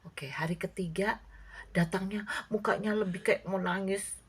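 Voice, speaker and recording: A woman giving a casual devotional talk, telling a story in a chatty, animated way. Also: mid-range voice, a little slow, breathy edge. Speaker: online devotional speaker.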